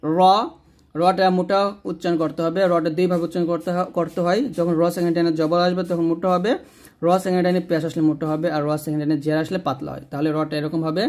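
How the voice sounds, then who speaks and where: A man teaching Quran pronunciation, slowly drilling each syllable. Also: on the high side, flat delivery, a little mellow. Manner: slow drilled syllable repetitions. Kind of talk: step-by-step pronunciation lesson.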